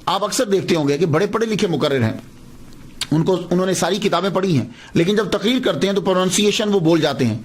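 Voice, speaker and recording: A man giving a patient, explanatory religious lecture, repeating words to stress how they are said. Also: high-pitched.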